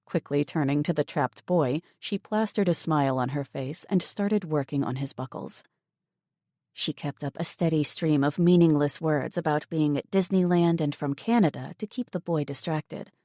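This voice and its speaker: Low, mellow woman narrating a novel. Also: normal speed, no room sound, clean studio sound. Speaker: audiobook narrator. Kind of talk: scripted narration.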